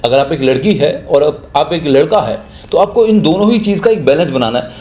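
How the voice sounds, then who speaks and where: Young guy w hindi accent explaining voiceover tips, kinda high mellow voice, echoey room. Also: animated, brisk. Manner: chatty, explains with spoken examples. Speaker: YouTube voiceover tutor. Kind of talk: casual spoken tutorial.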